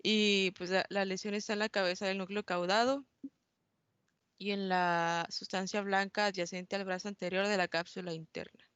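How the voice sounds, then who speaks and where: A woman's voice: mid-range voice, level tone, normal speed, fairly bright tone, clean tone, dry recording. A young woman giving a class presentation as a student, hesitant, with many fillers and self-corrections. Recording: dull, dry close recording.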